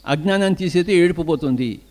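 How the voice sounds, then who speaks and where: A man's voice: a little high, quick pace, darkish tone. An older man with a Telugu accent giving an emphatic spiritual discourse as a meditation teacher, asking questions and answering them himself.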